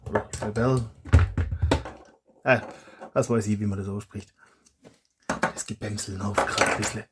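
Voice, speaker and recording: A man talks through a casual hands-on review in a low voice. He rambles and corrects himself as he goes. A steady noisy hiss with scattered clicks sits under his voice. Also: normal speed. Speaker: hobby YouTuber reviewing toy blasters.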